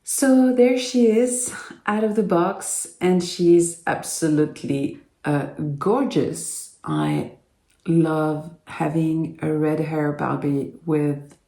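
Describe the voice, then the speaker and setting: A host with a French accent doing a casual doll unboxing, talking in a halting way and often pausing to search for words. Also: mid-range voice, lively intonation, warm tone, reverberant. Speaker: doll collector and channel host.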